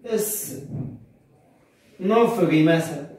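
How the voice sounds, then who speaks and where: A monk priest with an Egyptian accent teaching a beginner language lesson. He asks his class questions, answers them himself, and spells words out slowly, syllable by syllable. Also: fairly high pitch, a little mellow. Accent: Egyptian Arabic. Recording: very echoey room, far from the mic.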